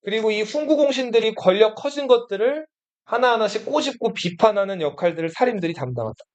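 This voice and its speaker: A man's voice: high-pitched, expressive, fast. A man teaching history to a class. He talks in a casual, blunt way, asks the students questions and then answers them himself. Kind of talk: classroom lecture.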